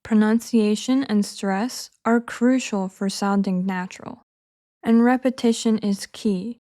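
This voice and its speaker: A woman walks learners through an English lesson in a clear, measured voice. Her scripted delivery stays steady and encouraging, and her pitch sits in an ordinary middle range. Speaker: English teacher.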